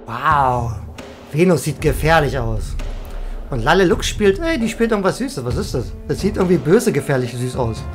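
A woman live-streaming a video game, chatting excitably with viewers and often trailing off and restarting. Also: low-pitched, normal speed, faint music behind. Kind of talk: casual live-stream chat while gaming.

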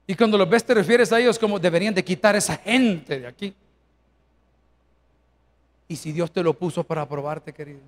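A man preaching a sermon as pastor, firing rhetorical questions and swinging from hushed to shouting. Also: sits high.

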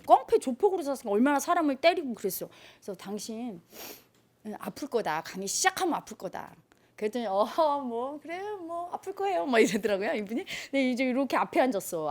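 A woman giving a spiritual lecture to a group, telling stories and acting out the people in them. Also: on the high side. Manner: animated storytelling, acting out quoted people. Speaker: spiritual teacher.

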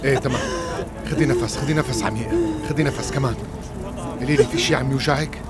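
An actor dubbing, in a Levantine Arabic accent, a man gently coaxing an injured woman to breathe and calm down. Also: medium pitch, fast talker, over loud music, lightly acted. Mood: soothing.

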